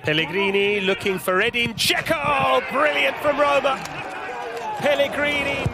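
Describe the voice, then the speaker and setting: A male commentator calls goals excitedly in a very high, gravelly voice. He draws his phrases out slowly over a loud stadium crowd. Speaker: football commentator. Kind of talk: excited live goal commentary. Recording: distant broadcast, loud crowd noise.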